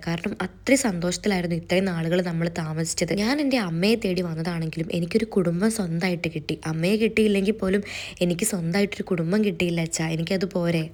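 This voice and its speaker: A woman's voice: fairly low pitch, darkish tone. A woman voicing a tearful young woman saying goodbye to her family, in a heartfelt, pleading way.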